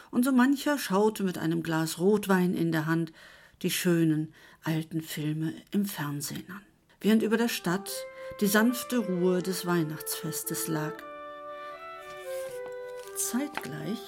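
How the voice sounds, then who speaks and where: A woman narrating a story in a measured, scripted reading. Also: on the low side, a little mellow.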